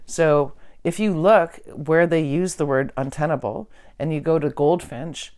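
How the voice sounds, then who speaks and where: A woman's voice: low voice, a little slow. Emphatic woman legal researcher. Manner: animated, emphatic, quotes people in mock voices. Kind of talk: casual legal discussion.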